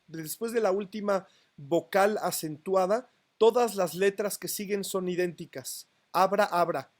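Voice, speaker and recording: A man lecturing on poetry to a class, counting syllables aloud and checking that students follow. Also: high voice. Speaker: literature teacher. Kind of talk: university lecture.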